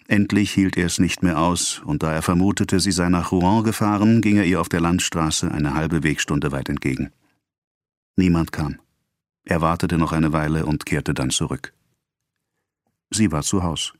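A man with a very deep voice reads a classic novel aloud, unhurried and even. The recording is close and dry, with no room sound around him. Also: no room sound. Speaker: audiobook narrator. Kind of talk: scripted narration of a classic novel.

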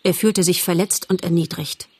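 A woman narrating a children's animal story in a measured, expressive audiobook reading. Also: lowish voice, breathy edge, dry recording.

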